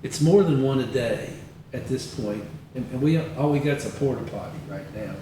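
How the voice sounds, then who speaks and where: An older man, a retired county attorney, is a guest in a casual interview, animatedly telling long, rambling anecdotes. His voice is mid-range and his pace moderate. The room is echoey, the mic distant, and there's faint background noise.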